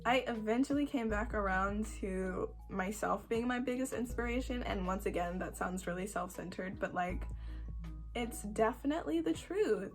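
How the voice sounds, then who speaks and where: A 21-year-old woman with a croaky voice, chatting casually to camera in a rambling, self-deprecating way with dramatic emphasis. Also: medium pitch, normal speed, faint music behind. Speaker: video creator answering follower questions.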